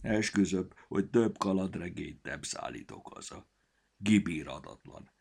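A man voicing a grumpy, impatient young elf who talks in a gruff, scolding way. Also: deep voice, expressive, darkish tone, heavily acted. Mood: grumbling.

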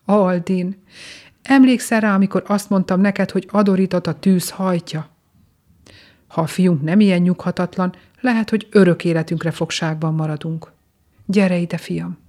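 A loving captive queen , read aloud by a woman, speaks tenderly and pleadingly to her family. Her voice sits a little low. It is a storybook reading. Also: steady tone, mellow, lightly acted.

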